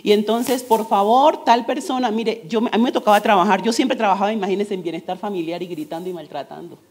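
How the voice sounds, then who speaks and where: A woman's voice: medium pitch, fast, darkish tone. A woman in her forties giving a testimony sermon to her congregation, earnest and direct, asking rhetorical questions.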